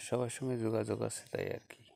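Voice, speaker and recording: A male actor plays a hesitant, polite, unmarried former Bangladeshi schoolteacher phoning an old schoolfriend in a staged, conversational phone-call audio story. He explains things haltingly, with frequent small acknowledgements. His fairly low voice is warm with some fry, animated, and recorded dry.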